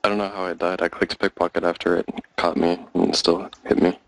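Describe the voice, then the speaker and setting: A man grumbling over gaming voice chat. His very deep voice is gravelly with vocal fry. He talks quickly. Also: flat delivery. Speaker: gamer.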